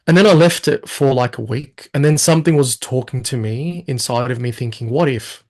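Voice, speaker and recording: This guest is a man in his thirties whose pitch sits in an ordinary middle range. Chatting casually in an interview, he narrates his story energetically and keeps breaking into brief acted-out asides, quoting his own thoughts from back then.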